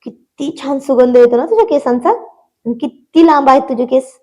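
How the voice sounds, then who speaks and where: A woman's voice: sits high, moderate pace, a little mellow, voice pushed up, natural voice. Teasing young man, as a woman narrator voices him. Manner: teasing, coaxing.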